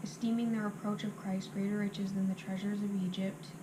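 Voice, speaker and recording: A woman reciting scripture from memory by rote, in short halting phrases, sometimes restarting them. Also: mid-range voice, flat delivery. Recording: clearly noisy amateur recording.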